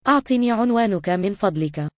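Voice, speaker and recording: A woman's voice: mid-range voice, animated, brisk, no room sound. A woman narrating a language lesson with scripted example sentences for learners.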